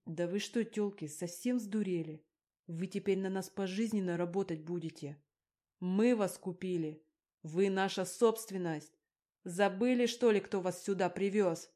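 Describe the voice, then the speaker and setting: A woman voicing a crude, menacing bald male gangster who talks loudly and with contempt, in an audiobook reading. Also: medium pitch, unhurried, lightly acted. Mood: threatening. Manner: loud, bullying and contemptuous. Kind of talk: audiobook character voice.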